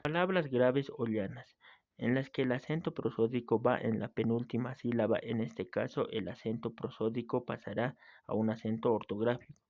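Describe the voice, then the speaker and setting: A man reads a grammar lesson aloud at an even pace, stumbling now and then and restarting a word. His voice sits at a middle pitch. It is recorded close and dry, with a slightly dull, muffled tone. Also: no echo. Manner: reads steadily from a text, with small slips and restarts. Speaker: teacher.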